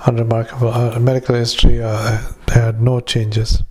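Man, doctor, dictaphone recording, medical dictation, halting, says punctuation aloud, mid pitch. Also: monotone, darkish tone, slight background noise. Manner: halting, many fillers, reads punctuation aloud. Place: retirement community.

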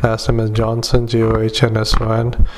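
Monotone man on a dictaphone recording. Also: lowish voice, background noise. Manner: halting, with many drawn-out "uh"s. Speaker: doctor. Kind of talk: medical dictation.

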